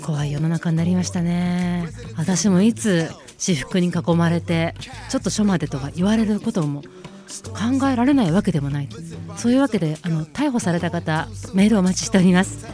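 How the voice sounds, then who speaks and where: A woman's voice: on the low side, expressive, normal speed, warm tone. A woman hosting a talk radio show, giving casual news commentary in sarcastic, outspoken rants. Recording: faint music underneath.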